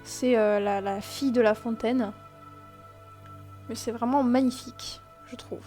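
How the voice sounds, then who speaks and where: A young woman with a slightly high voice walks viewers through a game in a chatty screen-recorded tutorial. She explains step by step, fills pauses with hesitations and tosses in self-mocking asides. Soft game music plays faintly behind her. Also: fairly even intonation. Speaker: gaming tutorial host.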